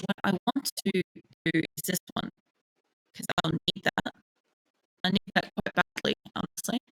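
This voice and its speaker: Bright-voiced sleepy woman streaming a game. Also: fairly low pitch, measured pace, dry recording, soft background music, low-quality recording. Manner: rambling, thinks aloud, swears casually. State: sleepy, yawning. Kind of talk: live-streamed gameplay commentary. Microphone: desk microphone.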